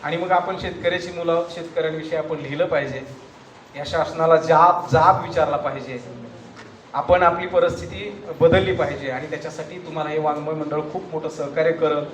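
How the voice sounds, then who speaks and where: A man's voice: on the high side, a little fast. A man gives a stage speech at a college event, telling funny stories and then reciting a solemn poem. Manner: animated, humorous storytelling that turns solemn and hushed for the poem. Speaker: guest speaker and poet. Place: college hall or auditorium stage. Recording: echoey hall, faint background noise.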